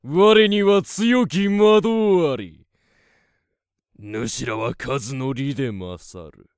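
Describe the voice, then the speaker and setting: A man doing a booming, exultant old-fashioned wizard. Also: drawn-out words, smooth, dry recording, clean studio sound. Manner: grandiose archaic speech, booming declarations. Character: defiant male wizard relishing a hopeless battle. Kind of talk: dramatic storytelling.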